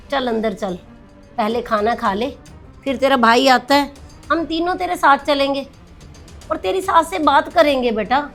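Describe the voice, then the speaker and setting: A woman's voice: high-pitched, a bit bright. A woman playing a stern but caring middle-aged mother in a family drama skit, scolding and then firmly reassuring.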